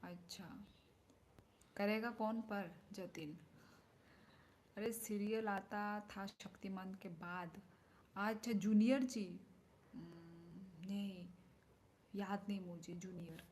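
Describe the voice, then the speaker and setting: Slow-talking woman chatting on a livestream. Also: medium pitch, fairly even intonation, a little hiss or hum. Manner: chatty, thinks aloud, drops into soft whispered asides. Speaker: live streamer. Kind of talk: casual live-stream chat answering viewer comments. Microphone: phone microphone.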